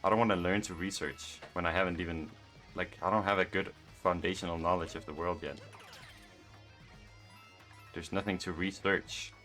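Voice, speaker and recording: A young man giving casual gameplay commentary, musing aloud in a flat monotone and rambling. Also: low voice, normal speed, long pauses, soft background music. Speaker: gaming vlogger.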